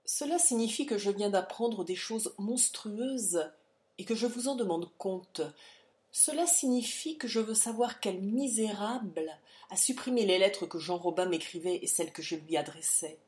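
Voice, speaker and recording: A woman's voice: mid-range voice, normal speed, a little mellow, lightly acted. A woman reading an audiobook, voicing an indignant young woman who speaks firmly and coldly. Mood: accusing. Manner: firm, cold, accusing.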